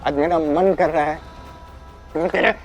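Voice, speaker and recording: A man's voice: fairly high pitch, fairly even intonation, normal speed, faint music behind, lightly acted. A man playing a hurt, scolding elder brother. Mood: wounded scolding. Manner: emotional scolding, pleading then shouting.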